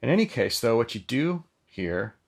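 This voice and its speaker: With faint music in the background, a man in a mid-range voice with big pitch swings talks at a moderate pace while demonstrating a synth. The demo is casual and chatty, loosely phrased with many filler ums, captured on a mic plugged into the synth.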